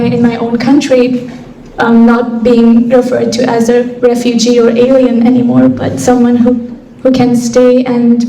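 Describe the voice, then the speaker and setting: A young woman from Afghanistan, a guest speaker answering interview questions in a soft, reflective way with frequent pauses. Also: on the high side. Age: young adult. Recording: echoey hall, voice from far off mic, faint noise.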